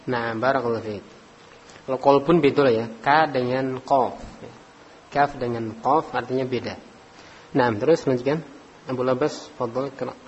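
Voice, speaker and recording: A man teaches Arabic grammar in a study hall, patiently calling on students by name and mixing in Arabic phrases. He speaks at normal speed with a medium-pitched voice and long pauses. The recording is dull, with long hall reverb.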